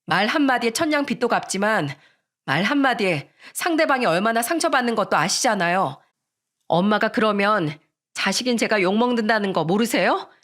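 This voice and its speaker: A woman's voice: mid-range voice, close to an everyday voice. Woman voicing a firm young policewoman. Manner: firm, calm, deliberate. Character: determined young woman, a police officer defying her mother. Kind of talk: radio story reading.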